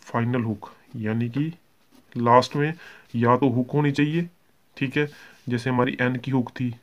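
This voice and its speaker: Man, Hindi accent, shorthand teacher, steady explanation, self-corrections, English terms mixed in. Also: mid-range voice, unhurried, highs cut off. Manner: steady explaining, frequent "ठीक है" check-ins and self-corrections. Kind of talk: classroom lesson explaining strokes.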